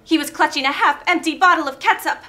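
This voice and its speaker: A woman's voice: high-pitched, fast, sharp tone, faint music behind. A woman playing a melodramatic damsel in distress in a noir parody, earnest and theatrical. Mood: earnest, dramatic. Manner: earnest, theatrical, overdramatic delivery. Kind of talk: noir parody audio drama.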